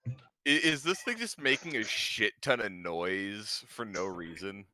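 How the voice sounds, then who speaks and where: A male player at a tabletop game talks casually and playfully, with swearing. His voice is on the low side yet bright and forceful, and his pitch moves around a lot. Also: animated, measured pace.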